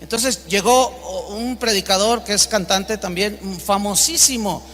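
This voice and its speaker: A man's voice: sits high, measured pace, fairly bright tone, in a large hall. A man with a Mexican Spanish accent preaching an emphatic sermon as pastor, acting out the voices in his stories.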